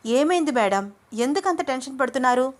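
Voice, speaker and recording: A woman's voice: sits high, animated, fairly quick, voice pushed up. A woman voicing a nervous, confused young female assistant who answers deferentially.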